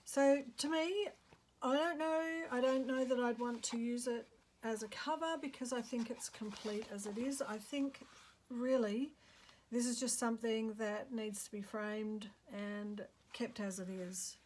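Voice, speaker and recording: Slow, chatty Australian woman crafting. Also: a little high, darkish tone. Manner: rambling, thinks aloud, murmurs to herself while working. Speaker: craft vlogger. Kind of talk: casual crafting chat. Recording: clear background noise.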